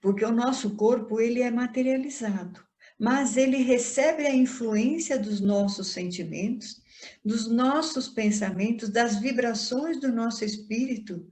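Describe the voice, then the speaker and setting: Middle-aged woman giving a calm spiritist talk, mellow voice, roomy echo. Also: on the high side, measured pace. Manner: calm, reflective, gently explanatory. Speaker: guest speaker at a Spiritist center. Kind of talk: online Spiritist lecture. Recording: echoey room.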